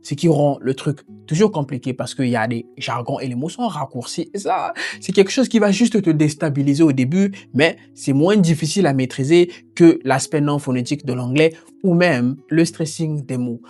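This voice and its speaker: Brief: male language-channel host, informal and explanatory, pitched a little high. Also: normal speed, few pauses, warm tone, soft background music. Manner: explanatory, informal, speaks to the viewer as "tu". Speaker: English teacher and channel host. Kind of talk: educational video narration.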